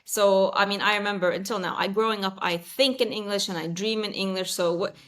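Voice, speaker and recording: A woman in her thirties who grew up in Saudi Arabia speaking Arabic as her first language chats casually as a podcast guest in an interview. Her medium-pitched voice is steady, brisk, and a bit bright, and she uses many fillers, restarts herself, and laughs easily.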